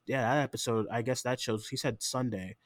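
Male podcast host, late-night chat, tired and ranting, mid pitch, dry sound. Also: a little fast, no echo. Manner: ranting, animated, swears freely.

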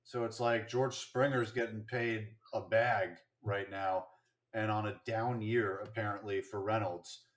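A man's voice: on the low side, steady tone, unhurried. A man co-hosting a casual sports podcast, chatting and rattling off statistics with fillers and restarts. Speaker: podcast co-host.

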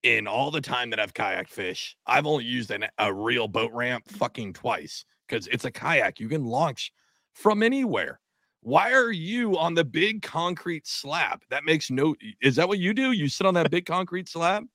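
A man in his forties hosting a casual podcast chat, blunt and animated, swearing freely. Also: fairly high pitch, measured pace, no room sound, studio quality. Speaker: podcast host.

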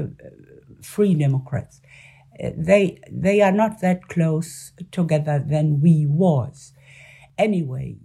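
An older woman, a native German speaker with a German accent, answers political interview questions haltingly, searching for words in her second language. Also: deep voice, vocal fry, dark tone, breathy edge. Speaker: former member of parliament, interview guest.

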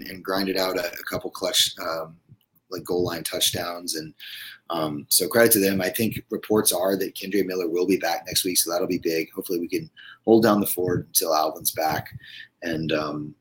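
Male co-host, very low voice, casual filler-heavy football chat. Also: fairly bright tone, rough recording. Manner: loose, rambling with many fillers. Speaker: podcast co-host.

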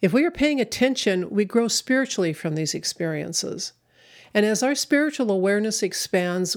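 A woman giving an inspirational spiritual talk in measured, reflective short phrases. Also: mid-range voice, a little mellow. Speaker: spiritual speaker.

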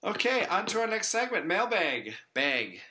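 American guy hosting a podcast, really bright voice, jokey casual chat. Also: high voice, sing-song, moderate pace. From Chicago, United States. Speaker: podcast host.

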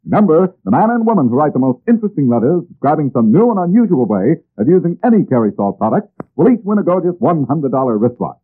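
A man in the style of an old radio announcer, reading a scripted sales pitch and addressing listeners directly like a salesman. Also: very animated, fast, husky. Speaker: announcer reading sponsor ads. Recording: tinny, band-limited old radio recording.

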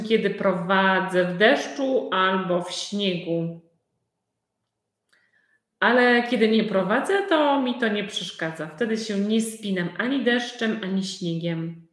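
Woman teacher, very slow, simple repeated questions, echoey room. For a language-class host. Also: medium pitch, fairly bright tone. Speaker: Polish conversation teacher. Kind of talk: live online conversation class.

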